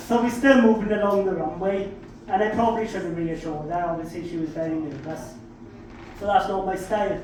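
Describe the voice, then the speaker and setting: This comedian with a South Welsh accent delivers stand-up stories that are brash, sweary and self-deprecating, landing punchlines loudly. He speaks at normal speed in a high voice with long pauses; the echoey club is captured from afar with slight background noise.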